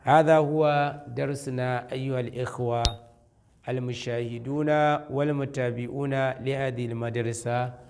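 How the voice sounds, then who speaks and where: A man, a Hausa speaker, teaching an Arabic lesson. He repeats each phrase slowly and then explains it. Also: medium pitch, steady tone, vocal fry, background noise. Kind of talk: classroom-style language lesson.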